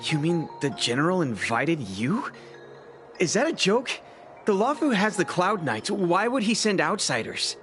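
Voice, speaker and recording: A fretful young apprentice in a video game, his voice sitting a little high. He talks earnestly and defensively, worried for his master. Soft game music plays faintly behind him. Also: sing-song, a little slow, full character voice. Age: young adult. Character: anxious young male apprentice craftsman. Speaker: apprentice craftsman.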